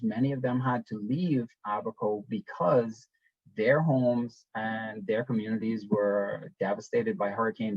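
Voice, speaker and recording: A young man from the Bahamas presents slides in a webinar, chatting easily and pausing on ums and restarts. His voice sits at a middling pitch. It comes through a video call that sounds dull and dry. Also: no room sound. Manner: relaxed, conversational, with frequent ums and restarts.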